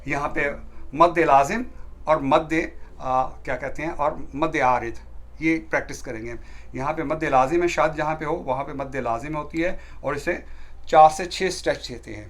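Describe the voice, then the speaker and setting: A middle-aged man with a slightly high voice, teaching beginners how to recite the Quran. He explains each rule patiently and step by step, and he draws out the recited words in slow, stretched tones.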